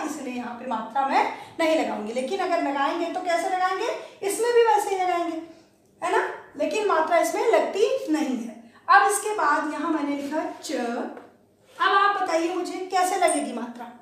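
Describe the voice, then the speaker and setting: Slow high-voiced woman teaching in an echoey room. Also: animated, distant mic. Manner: patient, asks questions and answers them herself. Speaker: primary school teacher. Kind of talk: slow classroom lesson to young children. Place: classroom.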